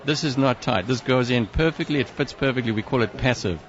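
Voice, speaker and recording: A man's voice: medium pitch, fairly quick. A man with a South African accent, a prosthodontist guest on a radio interview, explaining things carefully. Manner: explanatory, precise. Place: outdoor expo booth. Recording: dull lo-fi sound, faint street noise.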